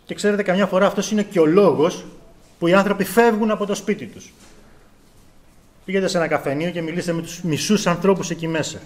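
A middle-aged man preaching a sermon with earnest rhetorical questions and rising emphasis. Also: high-pitched.

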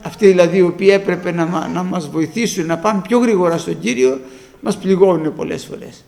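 A man preaching a sermon, moving between hushed storytelling and fervent, shouted exhortation. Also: high voice, gravelly.

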